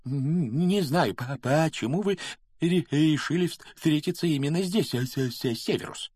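A man's voice: on the high side, normal speed, darkish tone, husky, no echo, clean studio sound, voice pushed up. A man voicing a nervous male professor who stutters heavily through every word. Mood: terrified stammering. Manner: stammers heavily.

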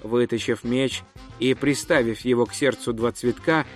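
A man reading an audiobook as narrator, telling the story in a measured, wry manner. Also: mid-range voice, fairly even intonation. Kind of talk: scripted narration. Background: faint music.

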